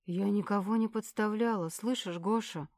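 A frightened young secretary pleads in a thin little voice, as a woman reader voices her. The tone is darker than bright. The sound is dry and close. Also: medium pitch, moderate pace, no echo, lightly acted. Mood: pleading.

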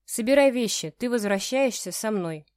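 A woman's voice: on the high side, animated, moderate pace, a little mellow, no room sound, close to an everyday voice. A woman voicing a domineering young man who gives curt orders to his fiancée. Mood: stern. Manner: curt commanding tone.

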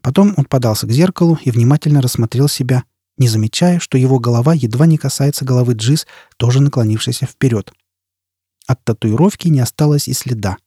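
A man narrating an audiobook in a measured, dramatic way. His voice is dark and husky, and it sits close and dry with no room around it. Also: medium pitch, no echo. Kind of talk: scripted narration.

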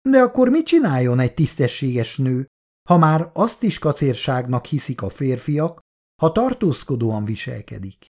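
A reader voicing Irén, a nervous young wife who answers sharply and defensively in a storybook reading. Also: female voice, a bass voice, big pitch swings, darkish tone, full character voice.

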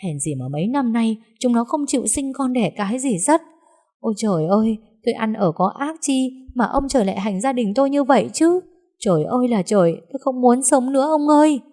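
A woman voicing a sobbing, distraught older mother-in-law who laments loudly in a storytelling narration. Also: a little high, very animated, fairly quick, hardly any pauses, pitched above the performer's own voice. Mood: wailing. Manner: wailing, lamenting.

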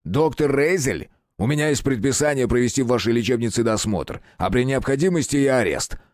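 A man voicing a gruff police detective who barks curt, commanding orders. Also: medium pitch, fairly quick, darkish tone, no room sound, clean studio sound, voice pushed up, lightly acted. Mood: commanding, stern.

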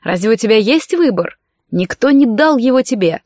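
A woman reading an audiobook, voicing a scheming young male sorcerer who speaks in a soft, coaxing, insinuating way. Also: fairly high pitch, lively intonation, normal speed, dry recording, clean studio sound, lightly acted.

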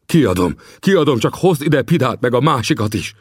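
A man's voice: medium pitch, big pitch swings, slightly rough, no echo, studio quality, pitched above the performer's own voice. A man voicing a furious old Native chief. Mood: bitter, urgent. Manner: stammering, then shouting in rage.

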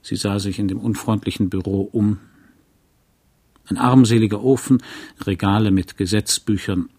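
A man reading a novel aloud in a calm, measured narrating voice. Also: lowish voice, breathy edge. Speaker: audiobook reader. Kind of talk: scripted literary narration.

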